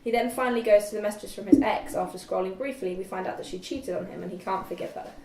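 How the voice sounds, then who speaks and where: At an indoor group read-through, a young woman narrates the screenplay's stage directions from the script. She speaks at a quick pace in a slightly mellow, mid-range voice, and the distant microphone catches room echo and faint noise.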